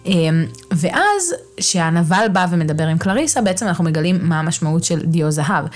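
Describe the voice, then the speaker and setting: A woman with a somewhat low voice hosts a podcast from a home microphone. She recaps a novel casually, chatty and animated, pausing often to find her words. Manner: chatty, animated retelling with many hesitations. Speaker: podcast host.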